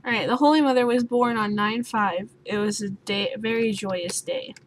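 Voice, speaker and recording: A young woman playing a puzzle game and thinking out loud, swearing often and sounding sleepy. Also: fairly high pitch, steady tone, normal speed. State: sleepy, just woke up. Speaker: gaming YouTuber. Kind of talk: let's play commentary. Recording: noisy home recording with keyboard sounds.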